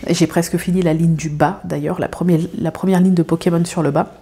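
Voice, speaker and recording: Woman craft vlogger, lower voice, soft mellow tone, chatty and rambling. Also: steady tone, a little fast, breathy edge. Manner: rambling, many fillers and restarts. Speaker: craft video creator. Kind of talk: casual chat to viewers. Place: home.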